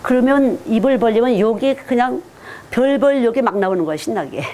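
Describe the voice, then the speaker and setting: A woman's voice: on the high side, expressive, a little fast, dark tone. A woman who is a children's missionary, giving a teacher-training lecture in an earnest, direct, conversational preaching manner.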